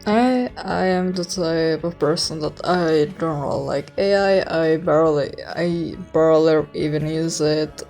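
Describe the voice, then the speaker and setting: Young adult woman, Czech accent, mellow slightly low voice, slow shy vlog rambling, kept quiet. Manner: awkward, self-conscious, giggly, apologetic; keeping voice hushed so as not to be heard in the house. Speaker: online video creator. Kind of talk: casual rambling vlog chat.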